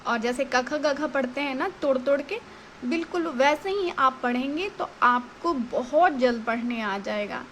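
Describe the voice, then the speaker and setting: A woman's voice: sits high, lively intonation, unhurried, fairly bright tone, a little hiss or hum. A woman teaching devotional Sanskrit recitation, explaining and chanting syllable by syllable. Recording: music playing behind.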